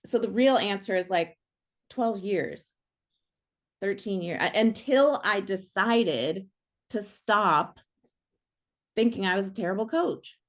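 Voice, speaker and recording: A middle-aged woman coach leads a workshop in a loose, chatty way. She sounds playful and animated, with a mid-range voice and a steady, unhurried pull. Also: mid-range voice. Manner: animated and playful, many fillers like "like". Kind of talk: casual online workshop talk.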